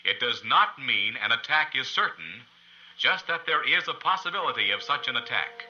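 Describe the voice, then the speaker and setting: An actor playing an official male radio announcer giving a grave, formal, measured civil defense broadcast. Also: mid-range voice, big pitch swings, lo-fi sound. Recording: radio broadcast with loud music behind, band-limited.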